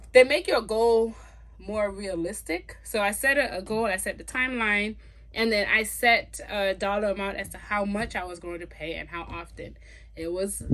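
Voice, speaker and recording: A woman's voice: medium pitch, fairly bright tone. A young adult woman vlogging to camera in a casual, upbeat way, explaining things step by step and laughing easily.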